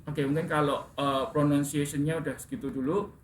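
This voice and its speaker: A man's voice: fairly high pitch, flat delivery, a little fast. Male teacher correcting pronunciation in an echoey classroom. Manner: corrects students' pronunciation and asks questions. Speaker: English teacher. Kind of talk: classroom instruction. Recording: echoey classroom with faint room noise.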